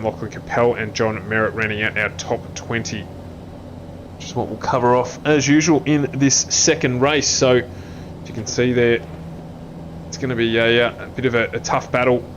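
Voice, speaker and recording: Over a muffled recording with background noise, a man commentates an online sim race. He reels off names while reading out grid positions and calling incidents, his pitch jumping whenever a crash happens.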